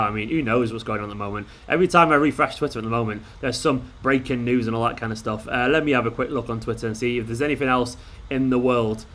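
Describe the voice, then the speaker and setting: Near midnight at home, a man with a middle-pitched voice runs a casual live stream, greeting viewers and shooting back replies to their comments. He's excitable and jokey, yet he sounds worn out beneath the enthusiasm.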